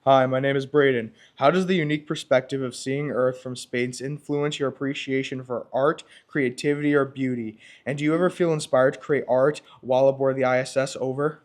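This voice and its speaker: A man's voice: mid-range voice, steady tone, brisk, few pauses. A young male student reading out a prepared question in a radio-contact format.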